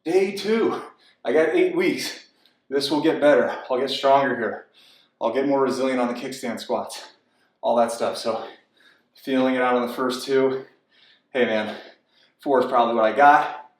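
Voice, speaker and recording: A man's voice: medium pitch, steady tone, moderate pace. A man talking casually between sets of a home workout, out of breath and candid. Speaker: fitness vlogger. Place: apartment home gym. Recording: roomy echo, from far off.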